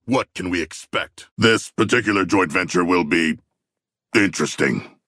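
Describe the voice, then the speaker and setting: A man's voice: low voice, moderate pace, bright, forceful tone, dry recording, studio quality. A man playing a huge humanoid shark warrior in a video game, earnest and literal-minded, with formal, stilted, grandiose diction and a battle-hungry pride. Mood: solemn, dry. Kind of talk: video game character voice lines.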